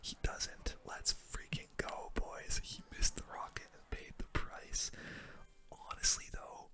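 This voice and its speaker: Here the gaming video host speaks slowly, whispering laid-back, slang-heavy ASMR commentary on a game. It's a breathy, unvoiced whisper held close to the microphone.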